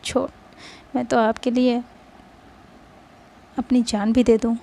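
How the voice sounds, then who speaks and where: A woman puts on a young woman in love, playful and doting, teasing her sweetheart with easy affection. The voice sits fairly high, with a gravelly, creaky edge and a dark, mellow tone, told as part of a spoken storybook romance. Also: little pitch movement, slow, full character voice. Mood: tender.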